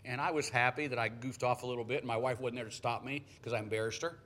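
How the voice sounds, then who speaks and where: A man's voice: mid-range voice, fairly even intonation, fast talker, fairly bright tone, slight background noise. A middle-aged male pastor preaching a sermon, telling folksy stories with jokey asides.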